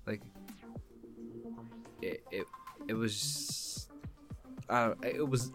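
A young man with a low, gravelly voice chats casually as a podcast co-host. He rambles, restarts and repeats himself while he thinks. Music plays clearly behind him. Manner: rambling, self-correcting, often repeats words. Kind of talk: casual chat.

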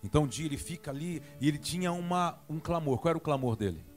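Man, Brazilian Portuguese accent, preaching, animated, acts out scenes, soft guitar music behind. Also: fairly high pitch, fast talker. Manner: animated, acts out dialogue and prods the congregation. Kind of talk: sermon.

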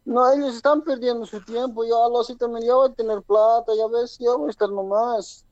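A man's voice: extremely high pitch, steady tone, brisk, darkish tone, muffled recording, soft background music. A man, a caller, playing a young schoolboy who whines and begs his mother not to tell his father. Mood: pleading. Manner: whiny, pleading, begging.

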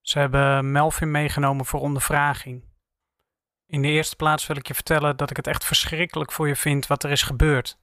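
A man voicing an HR manager, speaking quietly in a formal, measured way. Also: fairly high pitch, little pitch movement, no room sound, clean studio sound. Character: calm formal HR manager on the phone.

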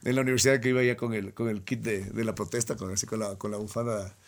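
A man's voice: lowish voice, fairly even intonation, fast, gravelly. A man, a guest in casual chat, rambling and self-mocking and laughing often.

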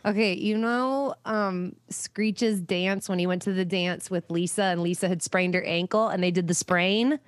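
A woman's voice: medium pitch, fairly even intonation, moderate pace, hardly any pauses, smooth, no echo. Playful woman chatting on a dry mic. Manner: playful, rambling, self-correcting. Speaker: podcast co-host. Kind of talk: casual chat.

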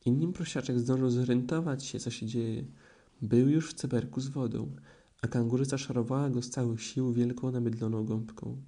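A man narrating a children's storybook in a gentle storytelling manner. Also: mid-range voice, fairly even intonation, moderate pace. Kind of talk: children's audiobook reading.

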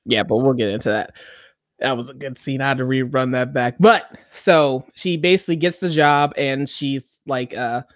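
A man's voice: medium pitch, normal speed, dry recording, clean studio sound. A man co-hosting a casual chat, recapping a TV episode in a rambling way, with lots of fillers and acted-out quotes. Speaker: podcast co-host.

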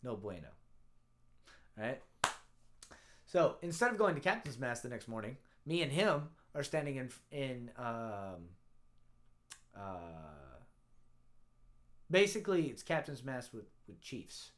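A man's voice: mid-range voice, sing-song, slow, long pauses, a bit bright. A man casually telling a rowdy story from his Navy days, swearing freely and acting out the dialogue.

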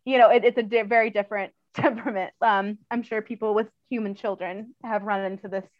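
A woman's voice: medium pitch, fairly even intonation, a little fast, no echo. A woman who trains dogs, speaking as an interview guest in a casual, chatty way, full of fillers and laughter, on slightly dull audio.

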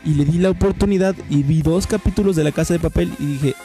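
Man, Mexican Spanish accent, gravelly, mellow tone, slangy casual chat. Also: fairly high pitch, faint music behind. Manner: slangy and profane, slow and deliberate when recommending. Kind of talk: casual chat reviewing TV series.

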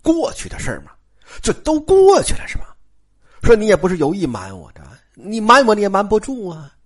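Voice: mid-range voice, wildly swooping pitch, fairly quick, slightly rough. A storyteller doing a brash scheming nobleman. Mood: reassuring.

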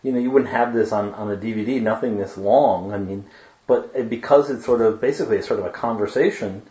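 A man's voice: on the low side, dark tone. Man sounding like he is inside a tin can. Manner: halting, many fillers and restarts. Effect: sounds like he is inside a tin can over a video call. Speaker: podcast co-host. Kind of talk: casual podcast chat. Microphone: video call. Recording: boxy, echoey, dull video-call audio.

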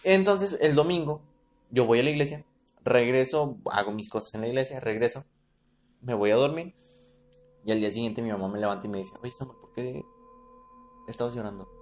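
This podcast storyteller has a Mexican accent and a medium-pitched, lively voice that moves a little fast. He casually relates an eerie experience from his childhood, frequently checking in with the listener by tossing in "¿no?" and "¿verdad?".

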